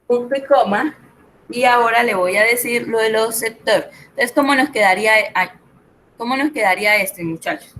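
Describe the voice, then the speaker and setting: A woman's voice: on the high side, normal speed, fairly bright tone, low-quality recording. A middle-aged woman, tutoring an online spreadsheet class, explaining step by step and checking in with her students. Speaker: Excel tutor.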